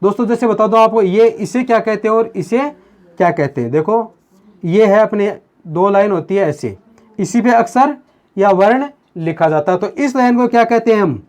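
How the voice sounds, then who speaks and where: A man teaching a grammar lesson on video. He talks slowly and repeats himself, calls the viewers his friends, and asks questions that he then answers himself. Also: high voice, a little mellow. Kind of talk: video lesson explaining at a board.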